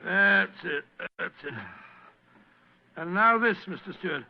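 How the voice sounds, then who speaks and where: An actor playing a genial, fussy older English doctor, chatty and avuncular, in 1940s radio drama style. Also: male voice, high-pitched, slow pace, vocal fry, full character voice. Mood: concerned. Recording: muffled vintage radio broadcast.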